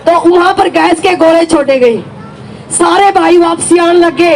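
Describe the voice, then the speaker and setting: A woman's voice: very high voice, unhurried, gravelly, some chatter behind, slight background noise, low-quality recording. A middle-aged woman with a Haryanvi accent gives an emphatic first-person account of joining a protest, her voice rising at times. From Haryana, India. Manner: emphatic, rises to shouting when retelling. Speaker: farmer protest supporter.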